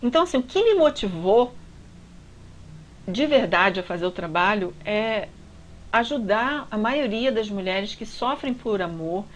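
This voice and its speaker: A woman's voice: medium pitch, expressive, a little slow, a little hiss or hum, low-quality recording. A woman with a Brazilian Portuguese accent, a relationship coach telling a personal story in a heartfelt, confiding way. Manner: heartfelt, confiding, frequent tag questions.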